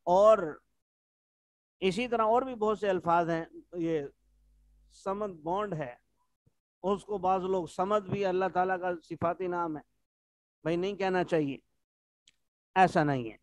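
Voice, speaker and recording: A man's voice: high voice, long pauses, dry recording. A man teaching an online religious lesson, patiently explaining Arabic words and checking in with his students.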